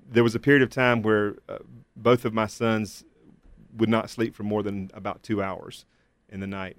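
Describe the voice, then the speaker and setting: A man as an interview guest and father, telling his story in a measured, candid way with hesitant fillers. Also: fairly low pitch, no echo. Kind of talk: reflective personal testimony.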